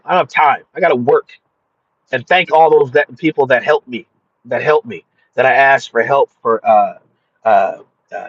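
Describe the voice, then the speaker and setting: A man's voice: mid-range voice, slightly rough, lo-fi sound. A man giving an earnest, preachy spiritual talk on his own channel, often restarting his sentences. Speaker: channel host. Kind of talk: informal spiritual teaching monologue.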